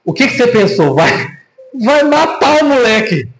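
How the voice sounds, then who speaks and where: Animated Brazilian preacher, high lively voice. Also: male voice, moderate pace. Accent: Brazilian Portuguese. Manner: animated storytelling with rhetorical questions. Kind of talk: sermon. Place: church hall. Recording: echoey room.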